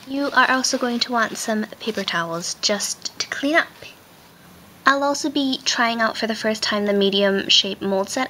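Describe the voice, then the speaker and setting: A woman's voice: mid-range voice, sharp tone. Lady doing a craft how-to, voice muffled behind a mask, casual step by step, noisy recording w little clicks. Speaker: craft tutorial host. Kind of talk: hands-on tutorial narration, casual. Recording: clear background noise, handling clicks.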